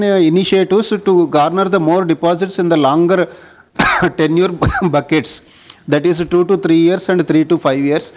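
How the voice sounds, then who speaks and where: A man with an Indian accent and a fairly high, slightly mellow voice answers analysts' questions as a bank executive on an earnings call. He is formal and often addresses the listener as sir, and the conference call audio is dull and lo-fi.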